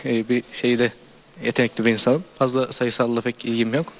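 A teenage boy, a high school student, giving earnest, speech-like answers in an interview, with many hesitations. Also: level tone, a little fast, a little hiss or hum. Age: teens.

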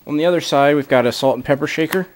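A gear reviewer gives a casual product walkthrough indoors, his speech heavy with filler. He talks fast in a slightly high voice, picked up by a camera mic positioned over a carpeted floor.

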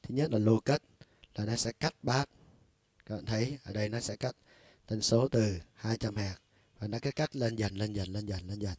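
A man's voice: lowish voice, fairly even intonation, normal speed, a little mellow, no echo. A man giving a casual instructional demo of a keyboard's vocal effects, talking loosely with many fillers. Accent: Vietnamese. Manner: loose and conversational, with frequent filler words. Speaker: music store product demonstrator.

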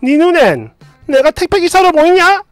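A woman voicing a sharp-tongued older mother-in-law who scolds and grumbles. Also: very high-pitched, very animated, moderate pace, no room sound, faint music behind, pitched above the performer's own voice. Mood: scolding.

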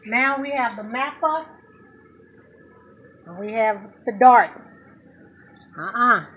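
Woman, 40s, playful vlog co-host, fairly high pitch, casual, faint outdoor noise. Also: slow pace, poor audio. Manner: relaxed, playful, talks to viewers. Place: outdoor patio and garage of a home. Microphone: camera a few feet away.

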